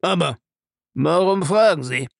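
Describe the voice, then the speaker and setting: Guy doing a grumbly old castle lord, slow and looming, gravelly and a bit higher than his reading voice. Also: animated, dry recording, clean studio sound. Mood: gruff menacing. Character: gruff old castle owner, menacing.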